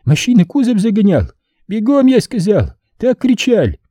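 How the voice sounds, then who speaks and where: A furious wounded young avenger. He barks in broken, clipped phrases, raw and hostile. The sound is husky and dry. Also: sits high, huge pitch swings, moderate pace, no room sound, pitched above the performer's own voice, full character voice. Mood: agitated, eager. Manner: shouting in broken speech.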